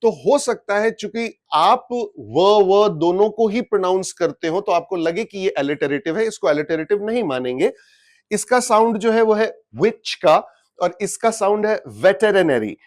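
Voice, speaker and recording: Indian male exam tutor, high pitch, rhetorical-question lecturing style, Hindi-English mix. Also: animated, measured pace. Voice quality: switches between Hindi and English mid-sentence. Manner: explains step by step with rhetorical questions. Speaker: exam prep teacher. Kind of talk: recorded class lecture.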